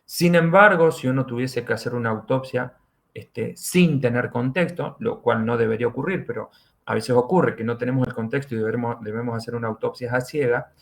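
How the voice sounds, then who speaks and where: A middle-aged man with an Argentine accent speaks as a forensic doctor in a podcast interview. His voice has a gravelly, rough edge, and he explains step by step, often repeating his key phrases for emphasis. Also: mid-range voice. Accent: Argentine Spanish.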